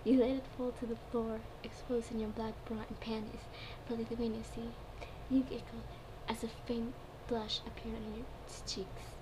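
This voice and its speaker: A woman's voice: on the high side, flat delivery, moderate pace, few pauses. A woman giving an amateur dramatic reading of a story, now and then stumbling over her words and repeating phrases. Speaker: fan fiction reader. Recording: clearly noisy home recording.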